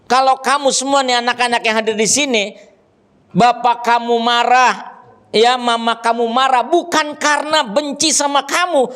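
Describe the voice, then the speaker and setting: Man, preacher, high voice, animated, joking with the crowd. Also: normal speed, clean tone. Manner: animated, jokes with the audience, acts out scolding parents. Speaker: ustadz teaching a religious study group. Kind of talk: sermon. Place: gathering with children and fathers present.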